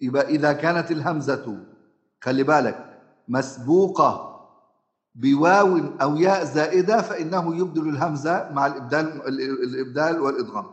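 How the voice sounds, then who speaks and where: A man's voice: a little high, fast, echoey room, highs cut off. A man with an Egyptian Arabic accent teaching recitation rules in a conversational way, often asking his listeners questions and drawing out fillers.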